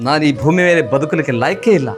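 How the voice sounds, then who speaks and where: An actor from North Karnataka playing a betrayed husband who rants and spits insults, in a village comedy skit, over background music. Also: male voice, a little high, quick pace, natural voice. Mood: despairing. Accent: North Karnataka Kannada. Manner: ranting, spitting insults. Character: betrayed husband, bitter and self-pitying.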